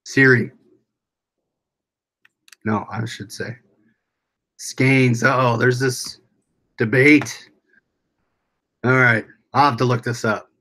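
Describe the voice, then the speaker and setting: A man's voice: mid-range voice, fairly even intonation, takes it slowly, long pauses, bright, forceful tone, rough recording. An American man hosting a casual livestream, rambling along as he reads and answers viewers' comments aloud. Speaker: livestream host.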